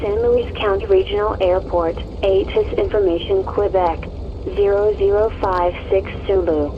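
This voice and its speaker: Rich: A woman's recorded voice on an automated airport weather broadcast, heard through dull, muffled radio sound with a soft hiss behind it. She reads out information phrase by phrase in a measured, unhurried way. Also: mid-range voice, fairly even intonation. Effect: automated airport weather broadcast over aircraft radio.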